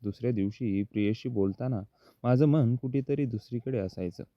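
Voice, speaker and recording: A man telling a first-person story in a measured, steady narrating voice. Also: medium pitch, no echo. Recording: dull, lo-fi dry recording.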